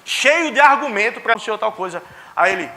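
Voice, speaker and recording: A man's voice: high-pitched, animated, brisk, heavy background noise. A young adult man, a pastor preaching a sermon in a church and telling stories with acted-out dialogue. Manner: storytelling, acting out dialogue with family.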